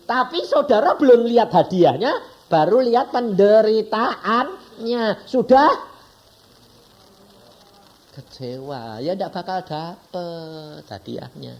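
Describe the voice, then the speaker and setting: Lively Javanese-accented preacher man. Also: high-pitched, slow pace, lo-fi sound. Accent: Javanese-accented Indonesian. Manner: lively, conversational preaching with frequent questions to the congregation. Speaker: evangelist preacher. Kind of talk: sermon.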